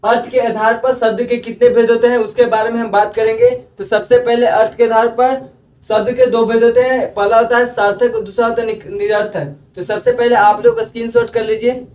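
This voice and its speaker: A man's voice: very high voice, little pitch movement, brisk, a little mellow. Man teaching grammar in an echoey room. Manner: repeats phrases, self-corrects often. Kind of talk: casual classroom explanation. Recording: echoey room, voice from far off the mic.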